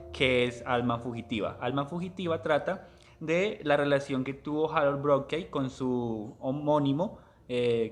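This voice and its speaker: A man presenting a book at a literary café, talking in a hesitant way and often correcting himself. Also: medium pitch. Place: public library.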